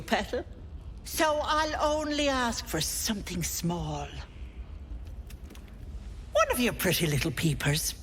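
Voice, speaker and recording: A woman's voice: medium pitch, a little hiss or hum. A woman playing an old auntie hag in a video game, wheedling and scolding with mock-sweet endearments. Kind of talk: video game character acting.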